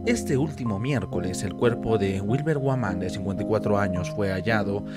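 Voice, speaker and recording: A lower-pitched man delivers a formal, scripted news voice-over at a measured pace. A loud music bed plays under every line. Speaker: news narrator.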